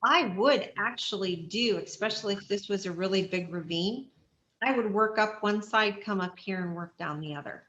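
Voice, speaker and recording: A woman's voice: mid-range voice, moderate pace, fairly bright tone, roomy sound, highs cut off. Woman teaching search dog tactics. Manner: practical, explaining step by step with fillers. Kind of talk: online class lecture.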